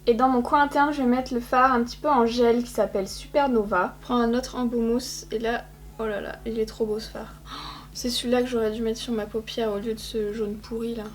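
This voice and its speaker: Speaking fairly quickly with a higher voice and fairly even intonation, this young beauty vlogger talks directly to her audience about her eye makeup, joking at her own expense. A little background noise can be heard in this casual tutorial.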